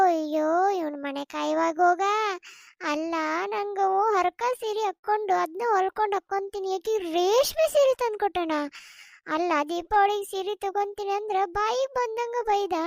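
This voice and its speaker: A woman's voice: very high-pitched, normal speed, a little mellow, no echo, studio quality. Woman voicing a furious betrayed village wife. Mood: bitter scolding. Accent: North Karnataka Kannada. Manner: ranting, scolding.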